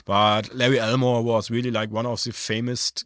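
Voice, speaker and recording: A man speaking English with a German accent, his voice bright and clear. He talks in a hesitant, stumbling way as a podcast co-host, often filling in with agreeing yeahs. The recording is dry and close. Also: medium pitch, little pitch movement, moderate pace, dry recording. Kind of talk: casual chat.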